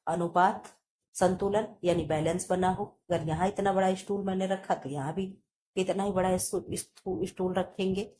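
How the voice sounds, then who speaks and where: Low, dark-voiced woman teaching. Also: slight background noise, rough recording. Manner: reads options aloud and answers them herself. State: coughing, chest sore. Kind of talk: exam-prep lesson.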